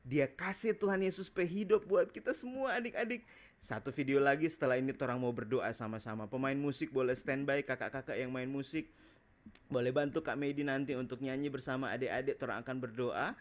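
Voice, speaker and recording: A man's voice: medium pitch, a little fast. A man with a Manado Malay accent, leading a children's sermon and a guided prayer in an affectionate, encouraging way. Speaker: children's minister. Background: music.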